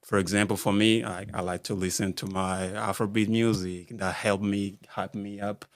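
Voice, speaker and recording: This deep-voiced, flat-toned basketball skills coach from Rwanda is chatting in a casual podcast interview on a studio microphone. He speaks haltingly, reaching for words and leaning on lots of fillers.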